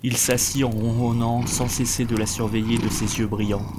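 A man reading a dark fantasy story aloud as narrator, steady and measured. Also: mid-range voice, background noise. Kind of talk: scripted narration.

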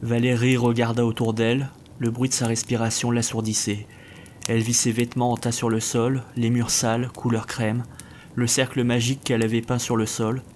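Man narrating in a flat, level voice. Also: mid-range voice, normal speed, a little hiss or hum. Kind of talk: scripted narration.

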